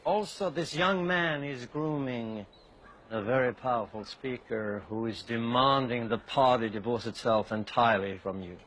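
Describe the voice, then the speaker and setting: An actor playing a party official who urges in a measured, persuasive way. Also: male voice, mid-range voice, a bit bright, slight background noise, lightly acted, rough recording. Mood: pressing. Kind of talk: film drama.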